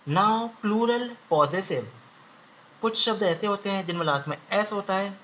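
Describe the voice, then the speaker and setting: A young man teaching shorthand step by step, slowly repeating each word several times as he draws it. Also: high voice, fairly bright tone. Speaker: shorthand instructor. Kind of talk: step-by-step lesson. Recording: slightly dull audio with faint background hiss.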